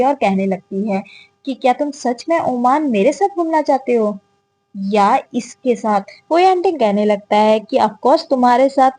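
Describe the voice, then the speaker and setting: A woman's voice: a little high, mellow, no room sound. A woman narrating a drama recap in a casual storytelling way, slipping into the characters' quoted lines as she goes.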